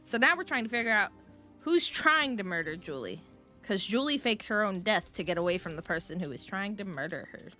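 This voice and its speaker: A woman's voice: medium pitch, animated, a little fast, sharp tone. A woman VTuber chatting casually on a game livestream in a cute anime-streamer manner. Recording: music behind the voice. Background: game music.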